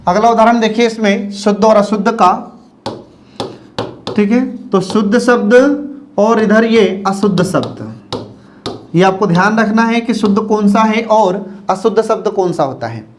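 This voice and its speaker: A man teaching a spelling lesson. He says each word slowly and more than once, and keeps checking that the students follow. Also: high voice, a little hiss or hum. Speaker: Hindi teacher. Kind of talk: classroom lecture on word spelling.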